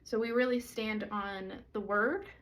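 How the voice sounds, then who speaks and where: A woman speaks at an unhurried, reflective pace in a self-recorded church video. She is a pastor's wife and church co-founder inviting viewers in. Her voice sits at a middle pitch. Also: fairly even intonation, fairly bright tone. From southern United States. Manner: slow, reflective, earnest and inviting. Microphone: self-recorded camera or phone.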